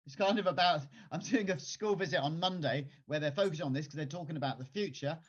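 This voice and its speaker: A man's voice: a little high, fast talker, husky, muffled recording. A man, a children's author, talking casually on a video call and performing his own songs and raps at a piano. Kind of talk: casual talk with singing and rapping. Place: at a piano, home. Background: piano music.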